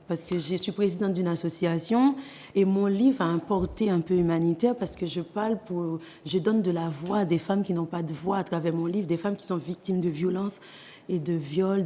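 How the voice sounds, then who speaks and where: A woman's voice: on the low side, normal speed, warm tone, big-room sound. A Haitian woman in her thirties with a Haitian accent, speaking earnestly and with many hesitations as an author giving an interview. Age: 30s. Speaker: guest author. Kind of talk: interview testimony.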